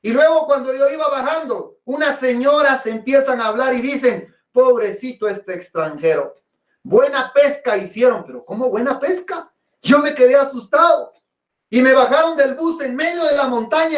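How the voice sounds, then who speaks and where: A pastor preaching a sermon, telling a personal testimony with dramatic storytelling and calling his listeners brothers and sisters. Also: very high-pitched. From Guatemala. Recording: echoey, from a distance.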